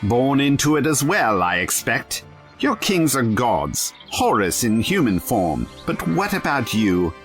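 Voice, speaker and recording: A man in an audio drama playing a quick-witted, righteous adventurer, sardonic and theatrical. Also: medium pitch, very animated, fairly bright tone, soft background music. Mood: accusing. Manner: wry, sarcastic, theatrical.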